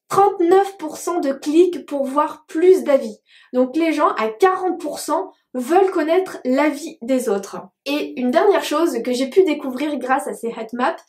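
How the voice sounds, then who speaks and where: A woman presents a digital marketing tutorial in a bright, high voice, talking in a chatty way with many small hesitations. Her voice rings out in a noticeably echoey room. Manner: chatty, frequent hesitations with "euh". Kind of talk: tutorial explanation to camera.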